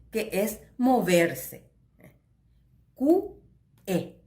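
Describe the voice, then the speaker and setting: A woman teaching a Guarani language lesson, explaining slowly and checking understanding with little questions. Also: medium pitch, echoey room. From Paraguay.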